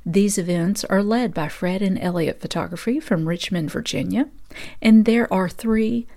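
A woman's voice: mid-range voice, moderate pace, gravelly, mellow. A woman hosting a farm and food podcast, reading event announcements from a script. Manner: reads event listings steadily. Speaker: podcast host.

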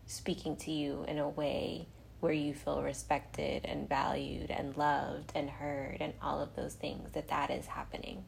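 A middle-aged woman, a podcast host and mother, talking slowly and tenderly, often dropping to a whisper. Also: deep voice, vocal fry, a little hiss or hum. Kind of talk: casual heartfelt conversation.

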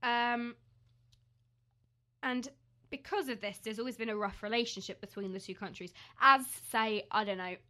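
A woman's voice: fairly high pitch, moderate pace, pushed and bright. A young woman co-hosting a casual news podcast, chatty with lots of ums and giggles. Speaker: podcast co-host.

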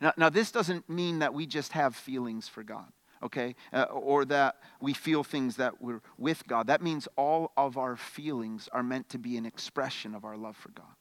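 A man preaching a sermon as pastor, conversational, stumbling over repeated words, swinging between loud emphatic bursts and quiet questions. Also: mid-range voice, moderate pace, no room sound.

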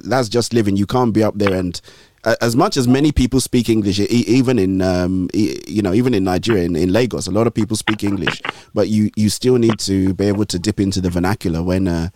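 Speaking fast in a lowish, slightly mellow voice, a radio show host runs a gospel interview from the studio. He frequently restarts what he's saying and encourages his guest with a preacher's flair.

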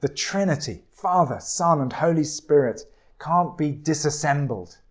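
A man preaching a sermon in a slow, deliberate way, with dramatic pauses. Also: fairly high pitch, lively intonation.

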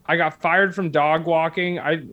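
A man's voice: on the high side, steady tone, a little slow, bright, forceful tone, highs cut off. A man chatting casually and comically, telling rambling anecdotes as a guest. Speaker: guest telling stories of odd jobs.

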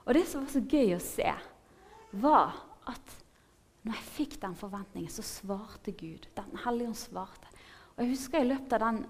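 A woman in her thirties giving a personal faith testimony in an earnest, animated way, often laughing and checking in with her listeners. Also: a little high, a little hiss or hum. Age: 30s.

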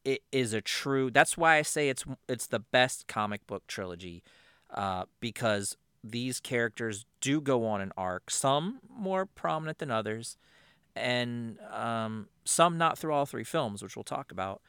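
Brief: male podcast co-host, bright and clear voice, animated, swears a lot, casual chat. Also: mid-range voice, unhurried, no room sound, studio quality. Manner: animated, swears freely, laughs often.

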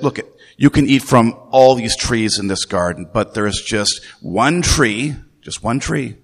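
A man's voice: mid-range voice, vocal fry, fairly bright tone. A man pastor preaching a conversational sermon, often repeating his phrases and putting questions to the congregation. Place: church. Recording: long reverb of a church hall.

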